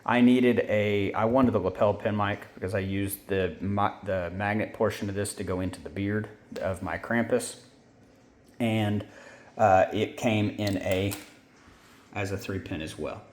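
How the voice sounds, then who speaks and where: A man with a lowish, darkish voice speaks a little slowly and with fairly even intonation while rambling through his homemade setup. He's an informal hobbyist maker who keeps correcting himself in this casual walkthrough, and the roomy recording has faint ambience plus a little hiss or hum.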